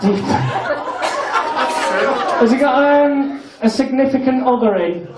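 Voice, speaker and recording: A man's voice: extremely high pitch, unhurried. A man with a British accent doing comedy stage hypnosis, giving commanding hypnotic instructions mixed with cheeky, blunt banter to the people on stage. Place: live comedy show on stage. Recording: echoey room, distant mic, audience noise. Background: audience crowd.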